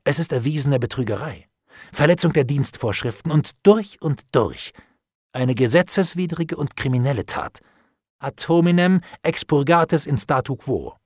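Man playing a calm, coolly ironic nobleman. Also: fairly high pitch, breathy edge, no room sound, voice pushed up. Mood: icily calm. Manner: calm, dry, ironic, unhurried. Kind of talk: audiobook character reading.

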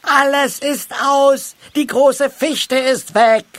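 A man voicing a small, excitable man in tin armor in a storybook reading, with high, drawn-out exclamations. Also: slightly rough, no room sound, full character voice. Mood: alarmed.

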